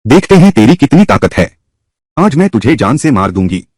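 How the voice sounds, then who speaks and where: A fierce middle-aged mother-in-law, voiced by a man, scolding and threatening her son in a husky voice that swoops up and down. It is a dry, close recording for a dubbed story. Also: medium pitch, sing-song, normal speed, darkish tone, dry recording. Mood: furious.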